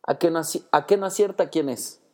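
A man's voice: fairly high pitch, brisk, warm tone, voice pushed up, natural voice. A man voicing a fierce, loyal young male servant who talks eagerly and bluntly, in a read-aloud story. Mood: gleeful.

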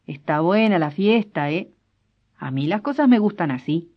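A woman voicing a gruff, bossy older rural patron who gives orders in a hoarse, slow voice. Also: lowish voice, lively intonation. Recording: dull lo-fi recording.

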